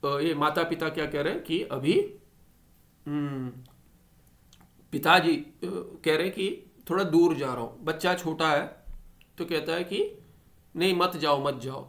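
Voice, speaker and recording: A man teaching a Sanskrit philosophy text, animated and full of rhetorical questions, reading the Sanskrit lines slowly. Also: fairly high pitch. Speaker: teacher of scripture.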